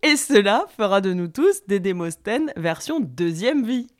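A woman's voice: medium pitch, sing-song, measured pace. A woman interviewer chatting in a light, playful way. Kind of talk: conversational interview.

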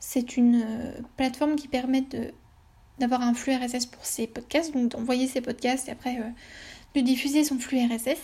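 A woman's voice: high voice, steady tone, normal speed, mellow. A woman hosting her own podcast, chatting casually and hesitantly with many fillers and restarts. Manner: rambling, hesitant, lots of fillers. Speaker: podcast host. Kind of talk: casual solo podcast chat.

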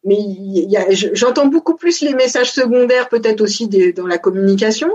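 Forties female founder, husky, thoughtful and halting, interview guest on a dull lo-fi recording. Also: mid-range voice, a little mellow. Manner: thoughtful, hesitant with many fillers. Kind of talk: casual interview conversation. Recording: dull lo-fi sound.

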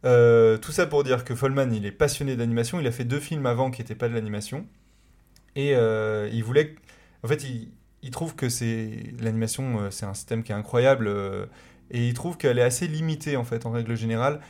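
A man's voice: medium pitch, fairly quick. Hesitant male radio host. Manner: relaxed, hesitant with many fillers. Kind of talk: casual film discussion.

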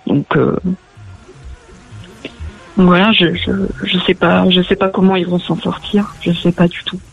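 A woman from France, a guest on a live talk show, speaking haltingly and searching for words, on a dull lo-fi recording with faint music behind. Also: lowish voice, flat delivery, creaky, husky. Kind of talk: casual live discussion.

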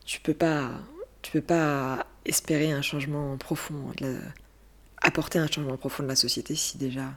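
A woman guest speaking reflectively in an interview, pausing often and searching for her words. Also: low-pitched, fairly even intonation, fairly bright tone. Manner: hesitant, searching for words with many pauses.

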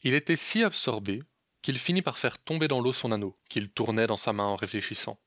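A man's voice: medium pitch, lively intonation, a bit bright, dry recording. Man narrating a fairy tale. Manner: measured, dramatic storytelling. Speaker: storyteller. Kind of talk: scripted narration. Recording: dull, dry lo-fi recording.

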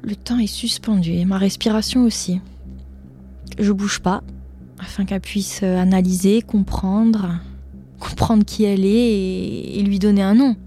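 A woman's voice: medium pitch, steady tone, a little slow, mellow, a little hiss or hum. A young woman narrating her own story in a conversational way, often tagging lines with "hein" and speaking straight to her listeners. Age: young adult. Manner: conversational, frequent "hein", addresses listeners directly. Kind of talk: personal storytelling.

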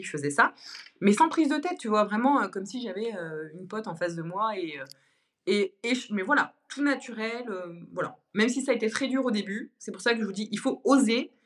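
A young woman talking as a guest on a podcast, chatty and easygoing, full of fillers and restarts. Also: mid-range voice. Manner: chatty, many fillers and restarts, laughs easily. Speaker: guest, content creator. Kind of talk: casual podcast conversation.

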